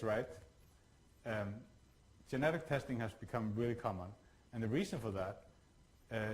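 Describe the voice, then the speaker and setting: A man from Iceland giving a workshop lecture, talking in a halting way with many fillers and restarts. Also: fairly low pitch, darkish tone, low-quality recording.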